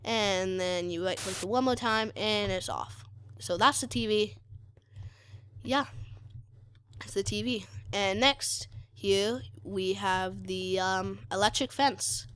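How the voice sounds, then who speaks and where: A woman's voice: medium pitch, takes it slowly, a bit bright, clear, resonant tone, no room sound. Hesitant, chatty female game commentator. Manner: hesitant, many fillers, corrects herself often; chatty and easily sidetracked. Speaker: YouTuber showing a game mod. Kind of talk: casual gameplay commentary.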